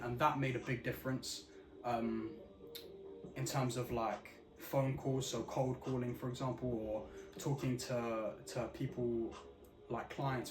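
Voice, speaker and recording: A vlogger with a mid-range voice delivers a casual, reflective monologue in a roomy space, with echo and music behind him. He is earnest and speaks slowly and deliberately, enunciating clearly and repeating "you know what I mean."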